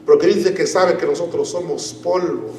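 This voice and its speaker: A man preaching a sermon in a church, teaching slowly and deliberately and leaning hard on key words. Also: on the high side, warm tone, slight background noise. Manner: slow, deliberate Bible teaching with emphatic stresses. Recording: echoey room, mic at a distance.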